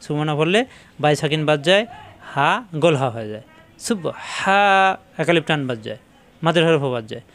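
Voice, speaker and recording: A middle-aged man teaching Quran pronunciation, repeating each syllable slowly and correcting common mistakes. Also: a little high. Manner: slow, drawn-out syllable-by-syllable drilling of sounds. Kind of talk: religious pronunciation lesson.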